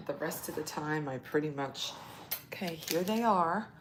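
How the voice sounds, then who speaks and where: A woman talks slowly while she works in a home kitchen, her lowish voice rising and falling a lot as she thinks aloud with some hesitation. The room is echoey, and loud clattering of dishes and cutlery goes on behind her. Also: expressive, heavy background noise. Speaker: lifestyle channel host. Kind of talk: casual livestream cooking chat.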